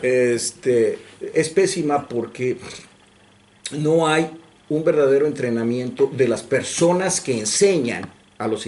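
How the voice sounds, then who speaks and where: A man from Mexico speaks at a lecture in a library room, animated and emphatic, restarting his sentences often. His voice sits at a middle pitch. Faint noise hums behind him. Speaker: guest lecturer. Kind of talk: lecture discussion.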